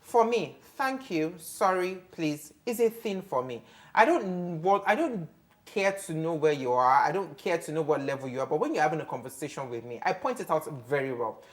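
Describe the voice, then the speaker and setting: A woman argues her views on a television talk panel. Her voice sits low, but her pitch swings widely when she acts out quoted speech. She is emphatic and opinionated throughout. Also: expressive, normal speed. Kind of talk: studio discussion.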